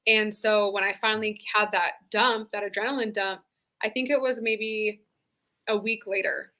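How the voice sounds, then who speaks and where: Bright-voiced woman telling her story candidly. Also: mid-range voice, fairly even intonation, normal speed. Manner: candid, conversational, many "like" fillers. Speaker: interview guest, former sheriff's deputy. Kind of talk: casual personal storytelling.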